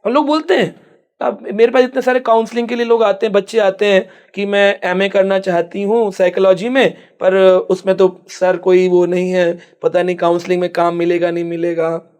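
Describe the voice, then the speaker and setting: A man's voice: high-pitched, fairly even intonation, brisk, darkish tone, smooth. A man, a spiritual speaker telling stories in a podcast conversation and mixing in English phrases.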